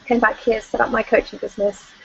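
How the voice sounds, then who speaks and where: A woman's voice: a little high, little pitch movement, quick pace, gravelly, slightly rough. A middle-aged woman, telling a personal story as a life coach on an online call, candid and chatty with plenty of fillers. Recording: dull lo-fi call audio.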